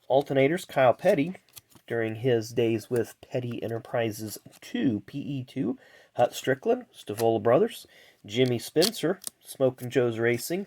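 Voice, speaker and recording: A man's voice: mid-range voice, darkish tone. A man with a stuffed-up, nasal voice gives chatty, casual commentary as a video host, reeling off names and adding asides. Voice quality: nasal, congested, blocked nose. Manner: chatty, reels off names then adds asides. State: stuffed-up sinuses. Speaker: host of a racing trading card pack-opening video.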